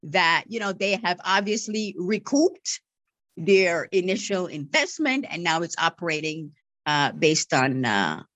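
A woman with a lowish, lively, slightly bright voice takes her time answering interview questions, and there's no room sound. As a podcast guest and marketing and media relations director, she stutters, repeats words and says "right?" a lot while explaining patiently.

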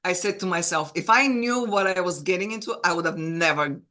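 A Bulgarian film producer with a Bulgarian accent tells her career story as an interview guest, earnest and enthusiastic, with small restarts. Her voice is on the low side, fairly quick, pushed and bright.

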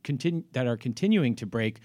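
A man speaking as an editor and radio guest, discussing news conversationally in measured, slightly formal wording. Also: mid-range voice, animated, mellow, dry recording.

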